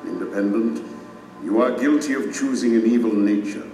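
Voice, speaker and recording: Majestic stern king played by a man: low, solemn, declamatory, audio drama, cavernous echo. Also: moderate pace, close to an everyday voice. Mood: stern judgment. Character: majestic stern king and divine judge pronouncing sentence. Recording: echoey reverberant hall, distant, music underneath. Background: dramatic music.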